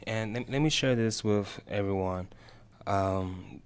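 A young man in his 20s with a smooth, low voice takes his time as a guest peer specialist in a casual interview in a small indoor radio studio. He speaks openly and encouragingly, in a testimonial way, into a desk mic on a stand.

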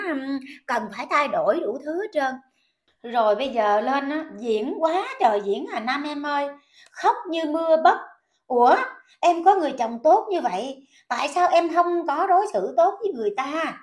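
High-voiced scolding woman with a southern vietnamese accent. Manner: indignant, scolding, repetitive questions. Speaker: commentator. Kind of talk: ranting commentary vlog.

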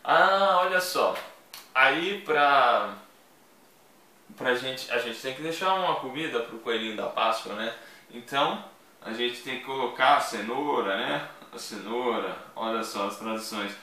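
A man teaching English vocabulary in a chatty video lesson, repeating each word slowly for his learners. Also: mid-range voice, pushed and bright, slight background noise. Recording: echoey room, voice from a distance.

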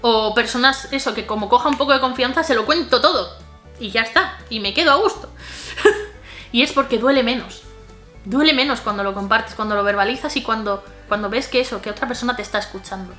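A woman's voice: fairly high pitch, fairly quick, a bit bright, echoey room, faint music behind. A woman talking candidly to her viewers in a casual vlog, swearing freely. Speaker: vlogger. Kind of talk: casual personal vlog talk. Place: by a garden.

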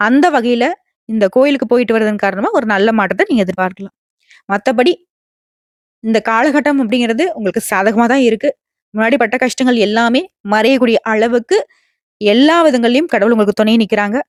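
A woman gives a devotional horoscope talk in a fairly high voice. She speaks earnestly and reassuringly, straight to her viewers. The recording is close and dry. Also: a little fast, no echo. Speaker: astrology channel host.

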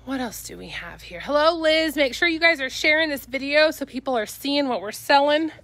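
Filming on a handheld phone in a cluttered warehouse, an auction company staffer with a Midwestern accent chats cheerfully through the lots for a live audience. She speaks brisk and animated in a high voice, with background noise audible.

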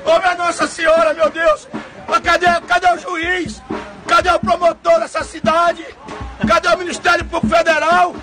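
An older man pleading desperately and repeating himself, in a very high strained voice. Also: flat delivery, moderate pace, music in the background. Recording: phone video outdoors with crowd and noise.

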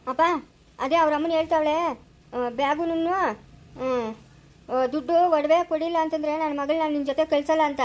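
A young village husband caught between family, played by a woman, talking quickly and soothingly in a high voice with a Chikkaballapur Kannada accent. It is a homemade family skit. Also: steady tone, darkish tone, close to an everyday voice. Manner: soothing, reassuring.

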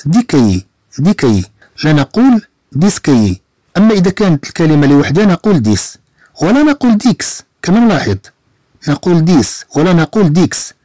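A man's voice: on the high side, a little mellow, no room sound. A man teaching beginner French, breaking words into syllables and repeating them patiently. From Morocco. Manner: slow syllable-by-syllable modeling of words, patient repetition. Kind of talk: online beginner French lesson.

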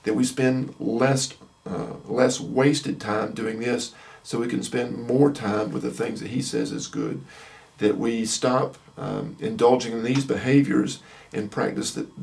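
Male chaplain, lowish gravelly voice, measured teaching pace with filler pauses, slightly off-mic. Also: steady tone, darkish tone, distant mic. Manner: measured, explanatory, many "uh" pauses. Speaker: chaplain teaching a Bible lesson. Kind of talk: unscripted teaching talk.

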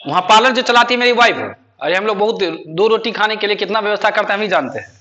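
A man's voice: sits high, fast, sharp tone, lo-fi sound. A young man with a Bihari Hindi accent, a spoken English teacher chatting casually and jokingly with his class. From Bihar, India.

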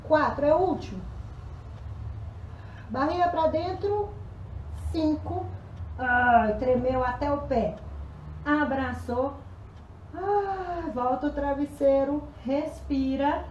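A woman's voice: sits high, slow pace, long pauses, darkish tone, roomy sound, dull audio, slight background noise. A woman teaching a live pilates class at home, counting reps aloud while exercising and getting out of breath, her voice faltering. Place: room at home.

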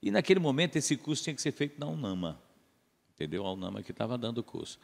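A man telling a rambling, animated story as a podcast guest. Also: mid-range voice, quick pace, vocal fry, long reverb tail. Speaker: podcast guest, radio announcer. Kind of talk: casual storytelling.

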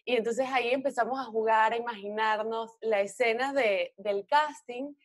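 A woman in her thirties from Venezuela with a Venezuelan accent, chatting as an actress guest in an interview and telling animated stories, quoting herself and others along the way. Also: a little high, normal speed, dry recording. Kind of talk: casual interview chat.

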